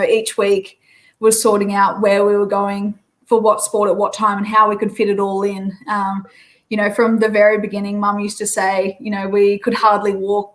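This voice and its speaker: An Australian woman in her thirties speaks as a podcast guest. Her pitch is mid-height and stays level, with little melody. She is relaxed and pauses on um as she thinks. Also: poor audio. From Queensland, Australia. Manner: relaxed, many fillers. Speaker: guest, former rugby player. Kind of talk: podcast interview.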